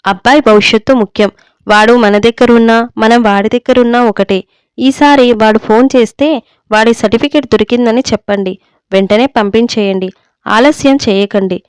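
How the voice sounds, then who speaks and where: Insistent middle-aged mother, read by a woman, scolding, smooth, dry sound. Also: on the high side, fairly even intonation, moderate pace, no room sound, close to an everyday voice. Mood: worried. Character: worried middle-aged mother, strong-willed. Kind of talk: storybook reading.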